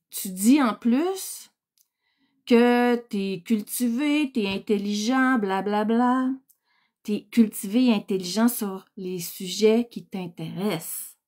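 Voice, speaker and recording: A woman's voice: mid-range voice, darkish tone. A woman in her forties with a Quebec French accent, scolding bluntly and swearing in a heated livestream rant. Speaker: livestream host.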